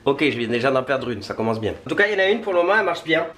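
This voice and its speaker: Filming a tutorial vlog in his home kitchen, this man tries out a product while talking informally, poking fun at himself and swearing mildly now and then. He speaks very fast in a fairly bright, medium-pitched voice with big swings in pitch.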